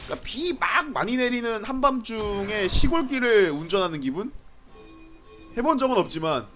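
A man doing live esports game commentary in an excitable manner, given to shouting at big plays. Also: high voice, normal speed, soft background music. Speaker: esports commentator casting online matches.

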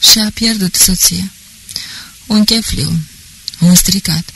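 An audiobook reader performs a boastful, talkative middle-aged police officer who rambles pompously. The voice has a medium pitch and a fairly bright but husky tone, and the audio quality is poor.

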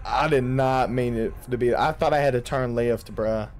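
A young man giving casual, jokey commentary while playing a horror driving game, slangy and quick to yelp when startled. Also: mid-range voice, a little mellow, slight background noise. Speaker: gaming YouTuber.

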